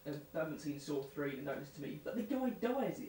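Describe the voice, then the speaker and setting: High-voiced man, dry jokes. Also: very animated, a little fast, darkish tone. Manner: dry, offhand joker. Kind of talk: casual chat. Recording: roomy, distant mic, faint hiss.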